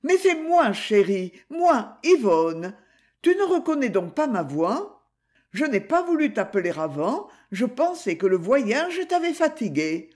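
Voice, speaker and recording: A woman's voice: fairly high pitch, very animated, a little slow, voice pushed up. Woman doing a gushing young Parisian woman. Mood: eager affectionate. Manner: bright, eager and raised. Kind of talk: audiobook character voice.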